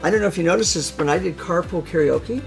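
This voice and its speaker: A man's voice: high-pitched, fast talker, vocal fry, soft background music. A man explaining his craft as a hypnosis trainer in an interview, emphatic and repeating phrases for stress.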